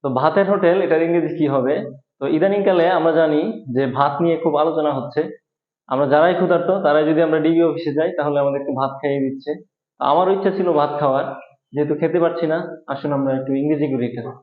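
Guy teaching grammar, goes slow and says every rule twice, kinda high voice, echoey room. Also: fairly even intonation. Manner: explains slowly, repeating each rule. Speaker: English teacher. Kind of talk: satirical grammar lesson. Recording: echoey room over a thin phone-like line.

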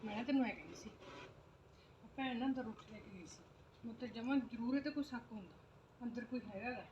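A woman's voice: a little high, fast, dark tone, slight background noise, natural voice. An actress playing a nosy woman tenant who pries into her landlady's business. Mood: conspiring. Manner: prying, chatty. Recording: echoey room, dull sound.

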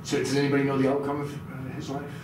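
A man's voice: mid-range voice, completely flat delivery, fast, recorded from a distance. Middle-aged guy preaching, reads verses, asks the room stuff, noisy echoey recording. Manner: reads scripture aloud and quizzes the audience. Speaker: pastor. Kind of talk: sermon. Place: small church room indoors.

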